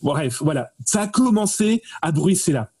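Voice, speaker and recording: A man's voice: fairly high pitch, animated, normal speed, darkish tone, husky. A man explaining a story in casual chat, digressive with frequent fillers and restarts. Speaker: guest expert.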